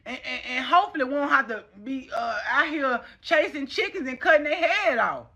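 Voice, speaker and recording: Sharp, forceful Southern US woman. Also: sits high, lively intonation, a little fast. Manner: emphatic, scolding, repeats phrases. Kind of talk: impassioned casual rant.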